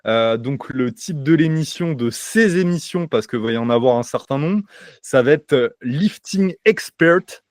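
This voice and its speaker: A man's voice: mid-range voice, moderate pace, a little mellow, no echo, studio quality. A man hosting a casual podcast, talking loosely with many fillers and restarts. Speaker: podcast host. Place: home by the sea.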